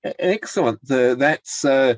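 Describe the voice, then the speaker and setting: A man's voice: medium pitch, a little slow, no room sound. An older man leading an online course, chatting encouragingly over a video call and rambling with restarts. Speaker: course leader. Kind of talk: casual chat on a video call.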